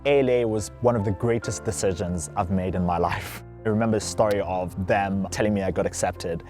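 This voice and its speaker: A man's voice: sits low, steady tone, fairly quick. A man in his twenties with a South African accent, a student telling his story in an interview. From Johannesburg, South Africa. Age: 20s. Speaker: college student. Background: soft background guitar music.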